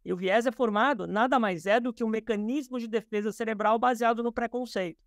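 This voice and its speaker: A Brazilian man, a podcast guest on a video call from his office, thoughtfully explains ideas with many fillers and restarts in explanatory interview talk. His voice is high-pitched and steady in tone, fairly quick, with no echo and clean studio sound.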